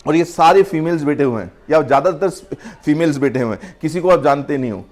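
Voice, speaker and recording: A middle-aged man teaching personality development to a class in a lively lecture, mixing Hindi and English and acting out little scenes. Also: sits high. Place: classroom or training hall.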